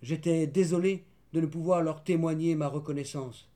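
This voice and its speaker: Man reading a kids storybook aloud, soft mellow tone, calm and measured. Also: fairly high pitch. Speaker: audiobook narrator. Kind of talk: scripted storybook narration.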